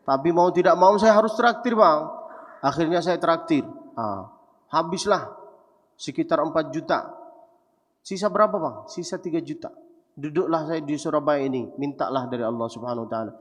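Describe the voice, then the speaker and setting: A young man from Mecca preaching a lively sermon, talking straight to the crowd and acting out what others said. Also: on the high side, normal speed, long pauses. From Mecca, Saudi Arabia. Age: young adult. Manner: animated, addresses listeners directly, acts out quotes. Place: large hall at a preaching event. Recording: echoey hall, dull muffled sound.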